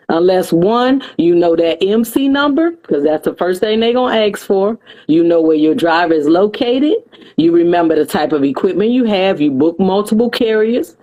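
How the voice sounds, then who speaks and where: A woman, a dispatcher guest chatting on a podcast and acting out her calls with brokers. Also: mid-range voice. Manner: animated, acts out broker calls. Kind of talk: podcast interview chat.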